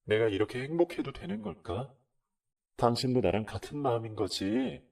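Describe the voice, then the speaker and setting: A man doing an older mother, high-pitched, emotional, lively swings, slightly gravelly, distant. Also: moderate pace. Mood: sweet. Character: older mother, newly remarried woman, pleading.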